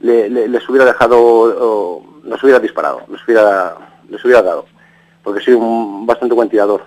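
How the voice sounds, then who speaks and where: A man's voice: fairly low pitch, brisk, darkish tone, low-quality recording. A middle-aged man from Galicia, an interviewee who rambles in a casual way, restarting his sentences and tagging them with questions. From Galicia, Spain. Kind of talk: casual recounting. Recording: radio broadcast.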